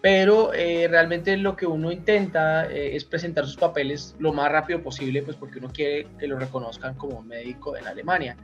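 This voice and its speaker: A man's voice: on the high side, fairly even intonation, fairly quick, hardly any pauses. A Colombian man, a doctor, talking casually in an interview, rambling with many restarts and asides. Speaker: guest doctor. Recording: slightly dull audio with faint music.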